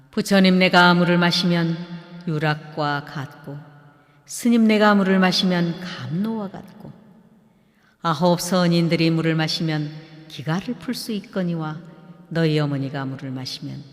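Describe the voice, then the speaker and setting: The Buddha as a calm, elderly male teacher, as a man reading the scripture puts him on, speaking in a measured, solemn cadence. A long reverb trails each phrase. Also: on the high side, natural voice.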